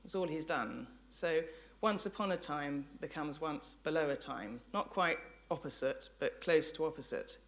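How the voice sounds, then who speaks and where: An English professor delivers a public academic lecture to an audience in a lecture hall, thinking aloud in reflective phrasing that is sometimes hesitant and includes self-corrections. She speaks with an English accent in a deep voice at a moderate pace.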